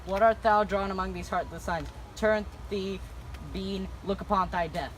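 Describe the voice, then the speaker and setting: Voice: mid-range voice, fairly even intonation, moderate pace, close to an everyday voice, rough recording. An amateur performer playing a hot-headed servant spoiling for a fight in a school Shakespeare parody. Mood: hostile. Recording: faint background noise.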